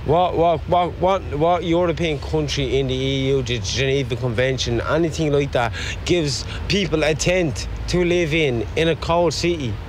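An Irish man in his thirties with a Dublin accent speaks bluntly and emphatically, swearing as he goes. His voice runs fairly high for a man. Traffic and street noise sit clearly behind him outdoors. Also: normal speed, few pauses. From Ireland. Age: 30s. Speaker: street interviewer. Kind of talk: casual street talk. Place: city street at night, outdoors. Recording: noisy outdoor street recording.

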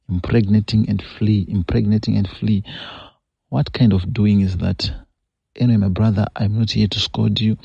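A show host with a Zimbabwean English accent reads a confession aloud, then offers earnest, scolding advice, repeating his phrases. His voice is low, dark and husky with vocal fry, in a dull, lo-fi, dry recording without room sound.

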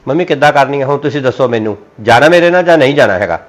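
A man's voice: mid-range voice, lively intonation, rapid-fire. A man in a Punjabi family comedy sketch, complaining in a sulky way.

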